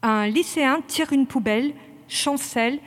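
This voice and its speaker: A woman giving a dramatic reading of a text with a slow, deliberate delivery. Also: sits high, long reverb tail.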